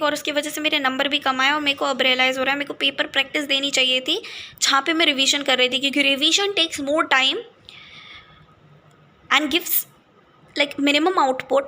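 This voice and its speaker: Bright, high-voiced young woman venting. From India. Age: young adult. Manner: frustrated, mixing Hindi and English. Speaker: vlogger. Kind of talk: casual venting monologue.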